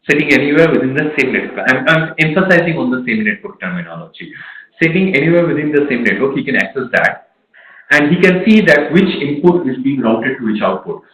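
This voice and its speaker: A man answers audience questions in a technical webinar. His voice sits fairly high and sounds a bit roomy and echoey. He works through each point step by step, often restarting phrases and stopping to offer examples. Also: a bit bright. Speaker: webinar presenter. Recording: echoey room.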